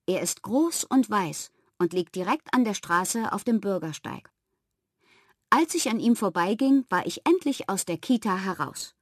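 A woman reads a children's story in the first person, calm and clear, with lively emphasis on key moments. Her voice is pitched in the middle for a woman. The recording is dry and close, with no room around it. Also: no echo. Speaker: audiobook narrator.

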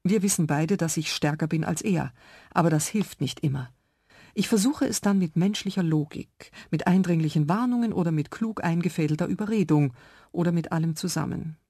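A woman reading a children's radio story aloud in calm, clear first-person narration in a studio. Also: low-pitched, dry recording.

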